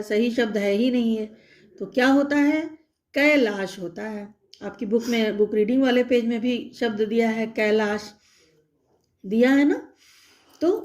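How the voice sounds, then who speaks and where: A woman teacher with a slightly high, slightly mellow voice gives a slow, patient recorded lesson to young children. She spells out letters and checks in often.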